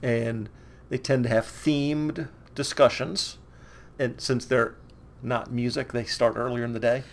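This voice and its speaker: A podcast co-host explaining things steadily, with a gravelly voice and frequent affirming murmurs. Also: medium pitch, fairly even intonation, unhurried. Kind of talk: casual chat.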